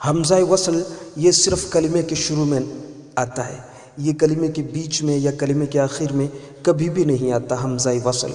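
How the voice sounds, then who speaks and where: A man's voice: a little high, steady tone, dark tone. Man teaching grammar in an echoey room. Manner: patient, repeats key points for emphasis. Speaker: Arabic teacher. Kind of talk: spoken grammar lesson. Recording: echoey room with long reverb.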